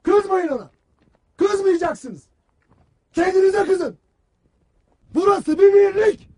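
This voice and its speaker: An actor playing a stern male army commander who berates his soldiers in a harsh, shouting, cutting voice. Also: extremely high pitch, takes it slowly, no room sound. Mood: bitter. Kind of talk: film drama acting.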